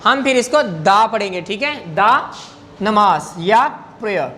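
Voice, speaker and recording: A man's voice: high-pitched, expressive, bright, forceful tone, a little hiss or hum. A man teaching an English grammar lesson in class, patient and coaxing, often checking whether students follow.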